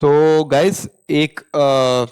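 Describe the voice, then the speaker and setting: A young man with an Indian accent, tutoring in casual mixed Hindi and English, checking in often and reading model answers slowly. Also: on the high side, little pitch movement, darkish tone, clear, resonant tone. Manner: explains with frequent "theek hai" check-ins, reads model answers slowly. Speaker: interview prep tutor.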